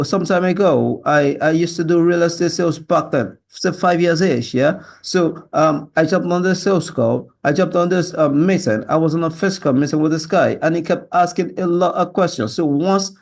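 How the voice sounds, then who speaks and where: A Yoruba-speaking Nigerian man with a learned British accent, Nigerian-tinged, pitches himself as a salesman in an assertive monologue to camera, often ending statements with a questioning "yeah" or "right." He's a sales closer applying for a job, and his voice has some vocal fry.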